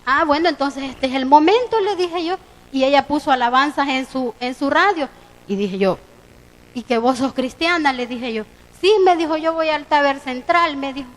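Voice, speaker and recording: A woman's voice: high-pitched, normal speed, rough recording. A woman with a Salvadoran Spanish accent preaching a sermon, retelling conversations as she goes. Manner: storytelling, quoting conversations with lively voicing. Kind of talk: sermon with retold dialogue. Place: church.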